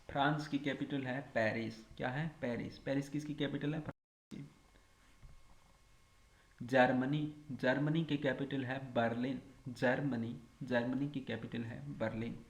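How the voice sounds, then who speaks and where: A man teaching a lesson, drilling each item by asking it as a question and answering it himself. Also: mid-range voice. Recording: echoey room.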